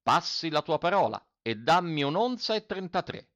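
Man doing a high, shrill furious landowner, lively and shouty, storybook figure. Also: normal speed, no echo, highs cut off. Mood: indignant. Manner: shouting, indignant, exclaiming. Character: hot-tempered stingy male landowner, middle-aged.

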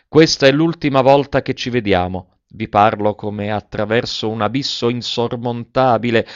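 A man's voice: mid-range voice, smooth, no echo, lightly acted. Dignified young lady, read by a man, grave and earnest, dull dry recording. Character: young woman, proud, dignified, resolute.

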